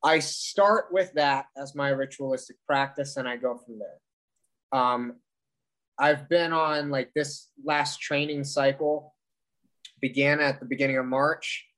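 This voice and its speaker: Man chatting haltingly as an interview guest. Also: mid-range voice, fairly even intonation, a bit bright, low-quality recording. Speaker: podcast guest, occult practitioner. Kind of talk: casual interview chat.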